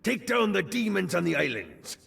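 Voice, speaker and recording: A man's voice: high-pitched, very animated, normal speed, creaky, fairly bright tone, slightly rough, no room sound, exaggerated voice. A man voicing a boastful pirate captain in hell who growls and calls everyone matey, in video game dialogue. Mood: swaggering. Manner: theatrical pirate talk, calls listener matey. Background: game music.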